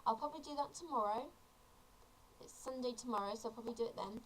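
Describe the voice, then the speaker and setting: A woman's voice: a little high, fast, slight background noise, low-quality recording. A seventeen-year-old woman, chatty and earnest, explaining a topic in a casual tutorial vlog. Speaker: vlogger.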